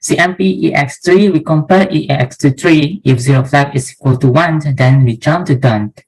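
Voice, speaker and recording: A man's voice: fairly high pitch, normal speed, a little mellow, slight background noise, low-quality recording. A young man from Indonesia, a student, methodically explaining code step by step in a class presentation. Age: young adult.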